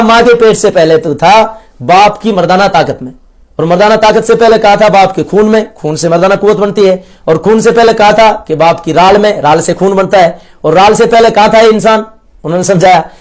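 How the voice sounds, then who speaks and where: A young man giving an earnest personal testimony, acting out the dialogue as he retells it. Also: sits high. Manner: earnest, storytelling with quoted dialogue. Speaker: convert sharing his story.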